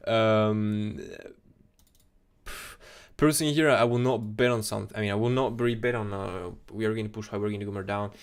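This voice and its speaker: Streaming live from his desk, a young French-accented man analyzes crypto charts, talking quickly and casually. His lowish voice has a gravelly fry, and he's excitable, restarting sentences often and repeating "absolutely insane."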